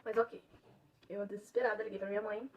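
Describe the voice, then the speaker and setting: A young woman, a mother, telling her own story in an animated way and acting out the dialogue. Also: mid-range voice, brisk. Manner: animated, acts out quoted dialogue, laughs often. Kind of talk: emotional personal storytelling. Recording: distant mic, dull lo-fi sound, faint noise.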